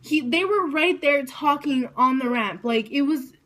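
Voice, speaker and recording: A woman telling a story to her vlog audience, excitable and rambling, saying "like" constantly. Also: sits high, measured pace. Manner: excited, rambling, heavy use of "like". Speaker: vlogger.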